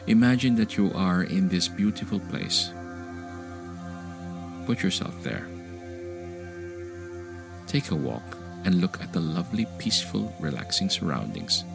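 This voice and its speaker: Man, bass-register voice, calming sleep story narration, gentle slow instruction, clear music underneath. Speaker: meditation podcast host and guide. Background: music behind the voice.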